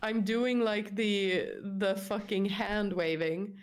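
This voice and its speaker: A woman's voice: medium pitch, slow pace, slight background noise. A woman streamer chatting casually, swearing and joking at her own expense. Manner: swears casually, self-mocking.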